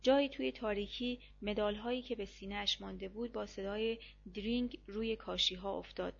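A woman's voice: medium pitch, steady tone, gravelly, lo-fi sound. Woman reading a story aloud. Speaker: audiobook narrator. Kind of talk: reading a war novel aloud.

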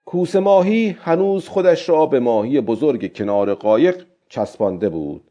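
A man narrating a story in a steady, measured reading voice. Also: mid-range voice. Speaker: audiobook narrator. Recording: dull lo-fi recording.

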